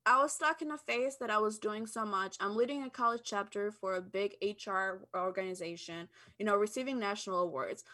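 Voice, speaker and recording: A woman's voice: mid-range voice, bright, forceful tone. A woman from Albania, a podcast guest, talking bluntly and candidly in casual interview chat. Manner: blunt, candid, talks fast and eagerly.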